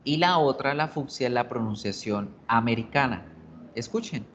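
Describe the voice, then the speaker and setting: A man's voice: mid-range voice, expressive, moderate pace, fairly bright tone, muffled recording, slight background noise. A male English teacher explaining in a video lesson, patiently repeating words to drill pronunciation.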